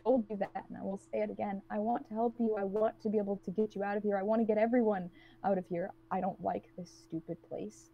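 A woman playing a cold, guarded woman trapped with strangers, who speaks in a blunt, cutting monotone. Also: mid-range voice, quick pace, gravelly, muffled recording, slight background noise, natural voice.

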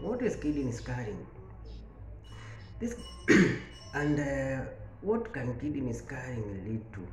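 A man's voice: medium pitch, a little mellow. A man in his forties with a Kenyan English accent, giving a health education talk to camera and stressing numbered points. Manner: slow, deliberate, numbered points with rising emphasis. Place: small indoor room. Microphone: camera in front, seated. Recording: echoey room with faint background noise.

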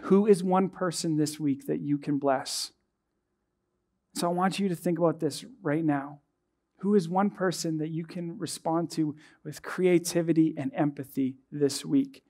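Young man, pastor, earnest measured sermon, slightly high voice. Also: fairly even intonation, mellow. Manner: earnest, measured preaching with rhetorical questions. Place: dark church stage, indoors.

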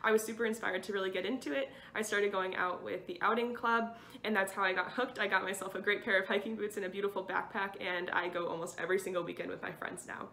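A young adult woman, a student vlogger, chats upbeat and enthusiastic to her phone held at arm's length, moving through a small kitchen, a gas station, a car and an outdoor trail. Her mid-range voice is gravelly, pushed and bright, steady in tone, and she talks fast with few pauses. Faint background noise runs underneath.

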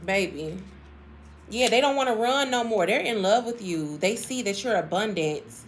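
A woman's voice: medium pitch, expressive, normal speed, a little hiss or hum. A woman giving a casual tarot reading to her viewers, chatty and emphatic, repeating phrases and laughing often. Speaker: tarot reader.

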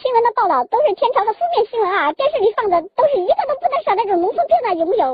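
A woman doing a comedic roaring rant as a student abroad, shouting, swearing and repeating a catchphrase. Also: very high voice, big pitch swings, racing. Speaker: student in Korea. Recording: lo-fi recording with loud hiss.

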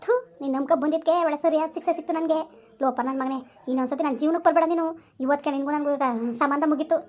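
A woman with a very high voice rattles off scolding rants and curses in a village comedy skit. She speaks extremely fast and repeats her jabs again and again. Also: fairly even intonation, darkish tone. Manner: scolding, cursing, repetitive rants. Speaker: angry mother and wife in a skit.

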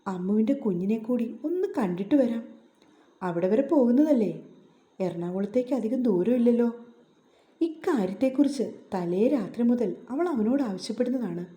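A woman calmly narrating a romantic novel as storyteller. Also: fairly high pitch, normal speed. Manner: calm, relaxing reading. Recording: roomy echo.

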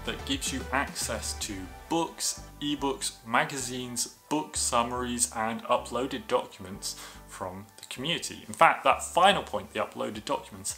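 Bright-voiced man reviewing to camera. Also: mid-range voice, unhurried, soft background music. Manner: enthusiastic, explanatory. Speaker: video reviewer.

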